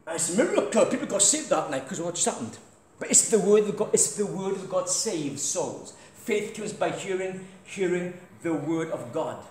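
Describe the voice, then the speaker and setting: Recorded from afar by a camera with no microphone, a middle-aged British man preaches loudly as a guest, moving about an echoing church hall and telling stories in crusade style. His high voice is very animated at normal speed, with faint noise in the background.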